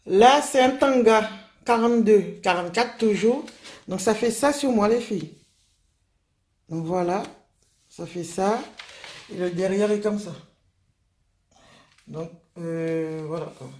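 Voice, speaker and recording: A woman's voice: medium pitch, slow pace, long pauses, a little mellow. A woman, casually chatting through a clothing haul video and rambling with lots of fillers. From Guadeloupe. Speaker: vlogger.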